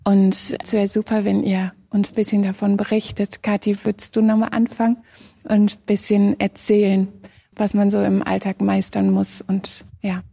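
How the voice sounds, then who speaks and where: A woman moderates a panel talk in a calm, measured way. Her voice is husky and slightly gravelly with a flat melody and a warm tone, recorded dry. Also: medium pitch, no echo.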